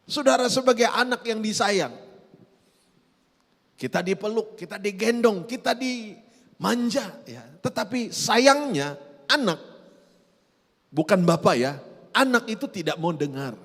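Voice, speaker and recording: A middle-aged man, preaching a sermon in a church hall, swinging from hushed asides to loud drawn-out emphasis. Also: high voice, animated. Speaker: pastor.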